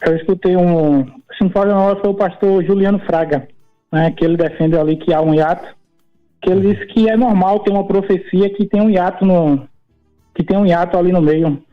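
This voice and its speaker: A man calls in over the phone, and his high voice comes through a thin, phone-like line with faint music underneath. He lays out his question earnestly and methodically, one point at a time. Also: moderate pace. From Recife, Pernambuco, Brazil. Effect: heard over the phone line. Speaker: caller. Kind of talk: call-in question to a pastor.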